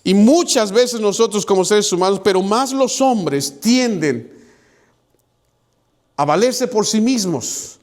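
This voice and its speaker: High-voiced man preaching a sermon. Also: animated, slow pace, darkish tone. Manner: preaching to a small congregation, acting out quoted voices. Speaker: pastor. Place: small church.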